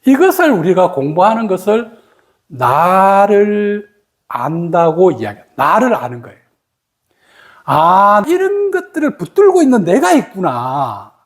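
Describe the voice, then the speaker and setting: A woman's voice: medium pitch, big pitch swings, measured pace. A woman giving a meditation talk, explaining patiently with everyday examples and asking the listeners rhetorical questions. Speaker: meditation teacher. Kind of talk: spoken meditation teaching.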